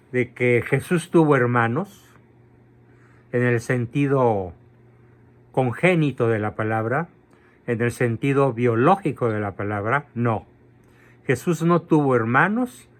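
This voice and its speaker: Slow, emphatic male catechism lecturer. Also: medium pitch. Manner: emphatic, slow and deliberate, spells out terms. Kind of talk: doctrinal lecture.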